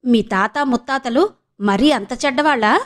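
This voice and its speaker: A woman's voice: a little high, moderate pace, lightly acted. A woman voicing a hot-tempered young wife who scolds and demands. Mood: angry.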